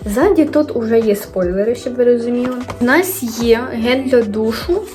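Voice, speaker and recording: A young woman from Ukraine chatting casually as she unboxes and reviews beauty products, often correcting herself and slipping into quiet asides. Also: a little high, lively intonation, normal speed, over music. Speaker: beauty vlogger.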